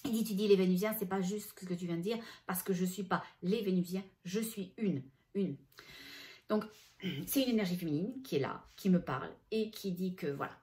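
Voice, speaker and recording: Female medium, middle-aged, relaxed warm tone, conversational channeling monologue. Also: on the low side, moderate pace. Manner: chatty, self-correcting, relays spirit messages in gentle tones. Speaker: spiritual medium.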